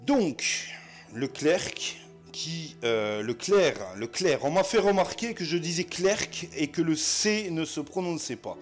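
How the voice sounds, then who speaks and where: A man's voice: on the high side, animated, a little slow, faint music behind. A man with a southwest French accent, narrating a solo board game in a chatty way, full of fillers. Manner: chatty, many fillers, addresses viewers as friends.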